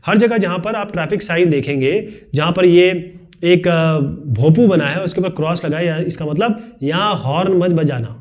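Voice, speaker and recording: A man with a fairly high voice teaches a tutorial at a brisk clip. He talks chattily, explaining points through everyday examples and throwing in light asides along the way. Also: darkish tone. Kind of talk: fast-paced Hindi tutorial lecture.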